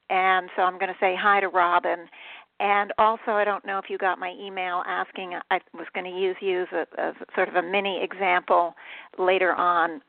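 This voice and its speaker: A woman's voice: fairly low pitch, creaky, dry recording. Woman host calling in on the phone, tinny dry line, chatty and rambly. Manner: rambling, chatty, self-correcting. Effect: calling in over the phone. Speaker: talk radio host. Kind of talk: casual spoken monologue.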